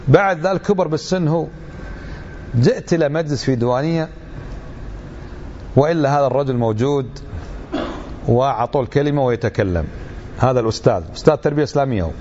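A man's voice: mid-range voice, fast, pauses often, darkish tone, lo-fi sound, a little hiss or hum. A middle-aged man giving an emphatic religious lecture, full of rhetorical questions.

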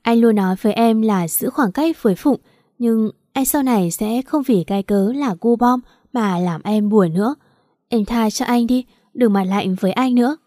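A woman's voice: a little high, moderate pace, warm tone, no echo, natural voice. A woman voicing a cold, furious husband who scolds harshly, in a dry close recording. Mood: pleading.

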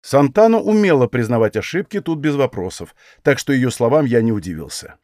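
A man narrating first-person fiction in an expressive storytelling manner. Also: mid-range voice, a little fast, dry recording, clean studio sound. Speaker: audiobook narrator.

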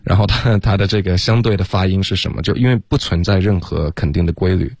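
Low-voiced male co-host, relaxed. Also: fast talker, creaky, dry recording. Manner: relaxed, hesitant, laughs often. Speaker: co-host, English teacher. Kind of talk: radio English lesson. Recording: dry studio radio.

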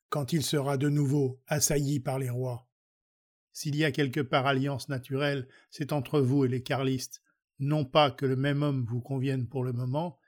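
A man reads an old speech aloud at a steady, measured pace. His pitch sits in an ordinary middle register and barely moves, so the delivery stays level and even. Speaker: reader. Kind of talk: reading a historical speech aloud.

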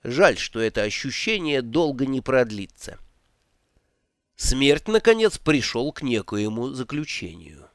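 A man narrating a fantasy audiobook in an expressive, theatrical reading style. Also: medium pitch, unhurried, no room sound, clean studio sound. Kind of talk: scripted narration.

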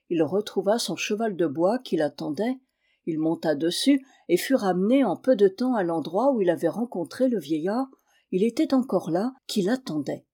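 A woman reading a folk tale aloud in a steady storytelling manner. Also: lowish voice, breathy edge. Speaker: reader.

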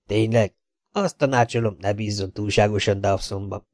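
A man's voice: lowish voice, dry recording, natural voice. A man reading an audiobook, voicing an inquisitive male journalist who asks blunt questions and makes dry remarks. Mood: wary.

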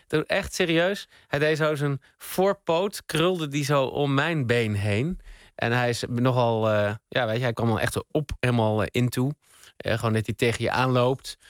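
A man's voice: mid-range voice, no room sound. Guy chatting on late night radio, laid back, lots of ehs, dry studio mic sound. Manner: relaxed, meandering with many fillers. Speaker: guest, spoken word artist. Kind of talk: casual radio interview storytelling. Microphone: studio microphone.

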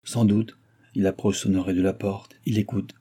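A man reading the part of a proud young noblewoman speaking from a trance, in a hushed, dreamy voice. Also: fairly low pitch, steady tone, normal speed, natural voice. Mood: entranced.

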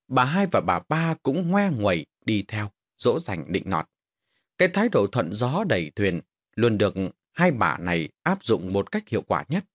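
Expressive male storyteller. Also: fairly low pitch, dry recording, clean studio sound. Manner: expressive, rises sharply in tense moments. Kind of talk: dramatic ghost story narration.

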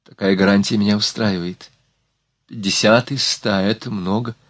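A man's voice: on the low side, steady tone, normal speed, no echo, studio quality, lightly acted. A man reading as a desperate young heroine. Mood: resigned. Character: desperate, resolute young woman.

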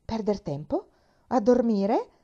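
A woman's voice: medium pitch, lively intonation, brisk, dark tone, highs cut off, voice pushed up, lightly acted. A woman voicing an irritable, bedridden woman of forty who complains sourly. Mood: peevish. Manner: sour, complaining.

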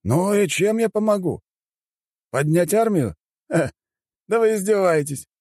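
An arrogant ruler who sneers and scoffs at anyone who bothers him, as a male audiobook reader puts him on. The voice sits well above the reader's own pitch and swings widely. It has a mellow, dry tone. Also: animated, a little slow, no room sound. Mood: scornful. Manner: mocking, dismissive, shouting at times. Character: arrogant, scornful male head of state. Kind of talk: audiobook character voice.

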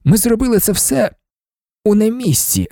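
A man reading an audiobook, voicing a crippled old man who mocks in a high, hoarse voice. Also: big pitch swings, normal speed, mellow, dry recording, clean studio sound, exaggerated voice. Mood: mocking. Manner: mocking, hoarse.

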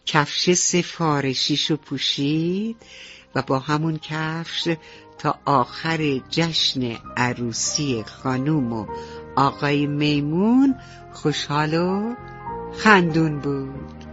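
Woman bedtime-story narrator for kids, dull lo-fi radio sound, soft music beneath. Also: sits low. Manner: gentle, addresses children directly.

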